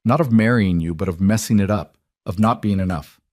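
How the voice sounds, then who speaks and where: A man's voice: lowish voice, fairly quick, no room sound, studio quality, lightly acted. A man voicing a tearful newly engaged woman. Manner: softly tearful, earnest.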